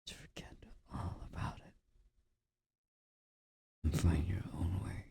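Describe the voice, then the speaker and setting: A man doing a whispered role-play as a comforting boyfriend, speaking in a soft, breathy, intimate murmur with a husky, gravelly edge, close to the microphone. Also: low voice, fairly even intonation. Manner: slow, gently reassuring boyfriend-style comforting.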